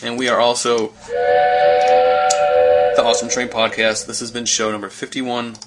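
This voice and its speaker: A man's voice: medium pitch, little pitch movement, normal speed, loud music behind the voice. A man co-hosting a podcast, chatting casually with enthusiasm and teasing jokes. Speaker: podcast co-host. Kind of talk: casual chat.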